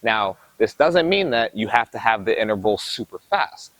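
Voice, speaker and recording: A man with a fairly low voice coaches tennis players, explaining each drill with energy as he demonstrates. The sound is dry and close. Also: very animated, normal speed, fairly bright tone, no room sound, rough recording. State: a little out of breath. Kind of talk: instructional coaching talk. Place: outdoor tennis court.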